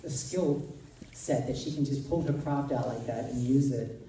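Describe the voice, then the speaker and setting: A man's voice: medium pitch, moderate pace, warm tone. Guy giving a rambly heartfelt tribute, lots of restarts, roomy hall, faint noise behind. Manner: rambling, many restarts and fillers. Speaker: film director presenting an award. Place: festival theater on stage. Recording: echoey hall heard from far off, faint noise.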